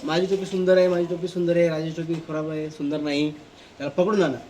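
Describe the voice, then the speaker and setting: A man's voice: fairly high pitch, flat delivery, fast talker, darkish tone, recorded from a distance, close to an everyday voice. A man playing a pompous angry king. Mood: indignant. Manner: commanding. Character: pompous, easily angered king.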